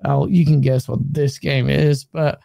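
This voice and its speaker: Gravelly man with a laugh. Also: mid-range voice, level tone, a little slow, dark tone, no echo. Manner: laughs often, stammers and restarts. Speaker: guest. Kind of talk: casual podcast chat.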